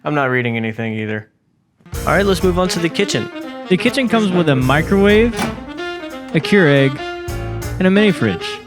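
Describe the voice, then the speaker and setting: A man's voice: on the high side, lively intonation, moderate pace, pauses often, music in the background. Upbeat man hosting a hotel vlog. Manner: upbeat, jokey. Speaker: vlogger and host. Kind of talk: casual hotel review vlog.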